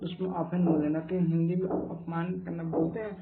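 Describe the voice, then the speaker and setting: A man's voice: a little high, little pitch movement, moderate pace. Man drilling English words on tinny audio. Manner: drills each word by repeating it many times. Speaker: spoken English teacher. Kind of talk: Hindi-medium vocabulary lesson. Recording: tinny phone-like lo-fi audio with faint hiss.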